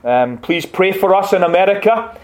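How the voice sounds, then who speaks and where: Scottish pastor preaching, slightly high voice. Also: male voice, expressive, moderate pace. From Scotland. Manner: warm, conversational, gently humorous pulpit delivery. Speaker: visiting pastor. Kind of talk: sermon with scripture reading. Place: church sanctuary.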